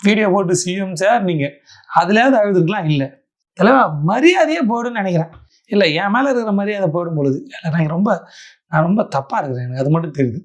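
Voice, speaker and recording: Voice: mid-range voice, animated, quick pace. A satirical commentator, giving mocking reaction commentary in a sarcastic, theatrical way.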